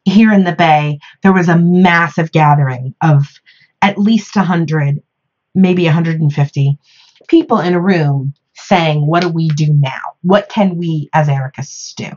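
In this dull-sounding audio, an American woman's low, darkish voice comes through a reflective podcast discussion. She speaks with care and hesitation, pausing between her phrases.

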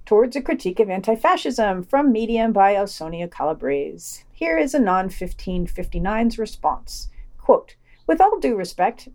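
Reading review commentary and quotes from a script, this podcast host delivers her news roundup in a matter-of-fact yet opinionated tone. Her voice is medium in pitch and a little mellow.

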